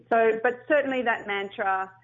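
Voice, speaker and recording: Animated middle-aged woman storyteller. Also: fairly high pitch, unhurried. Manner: animated, restarts and repeats, acts out quotes. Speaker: guest, business founder. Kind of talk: casual interview storytelling. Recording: slightly dull lo-fi sound.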